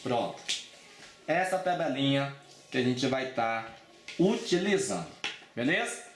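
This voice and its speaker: A man's voice: medium pitch, very animated, a little slow, reverberant. A man with a Brazilian Portuguese accent teaching a casual exam-prep math lesson, chatty and informal, often checking in with his students. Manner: chatty and informal, with frequent check-ins and slang.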